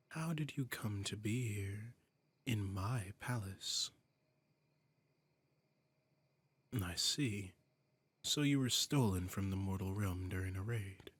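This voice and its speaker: A man takes the role of a silky, teasing, imperious demon prince in an intimate roleplay audio drama, flirting and commanding in a breathy voice that frequently falls toward a whisper. His voice is on the low side, his mood intrigued, and the recording is dry.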